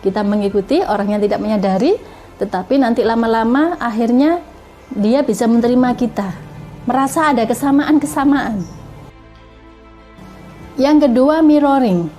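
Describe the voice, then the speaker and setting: A woman giving a calm, measured self-development lesson and explaining with spoken examples. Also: fairly high pitch, faint music behind.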